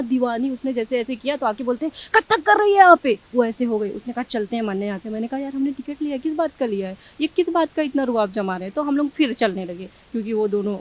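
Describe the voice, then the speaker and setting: A young woman, giving a news interview and animatedly acting out the exchanges she recounts. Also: on the high side. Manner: animated, quick, acts out quoted exchanges.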